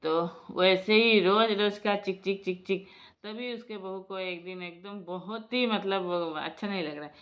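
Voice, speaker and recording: A woman's voice: medium pitch, unhurried. Chatty woman telling a family story. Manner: chatty, addresses viewers as friends, many restarts. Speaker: storyteller, vlogger. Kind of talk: casual spoken storytelling.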